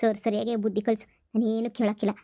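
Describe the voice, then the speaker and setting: A woman's voice: fairly high pitch, flat delivery, quick pace, dry recording, clean studio sound, close to an everyday voice. A woman voicing a stern, exasperated village mother-in-law in a cartoon comedy, speaking. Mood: scolding. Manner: sharp, scolding, exasperated.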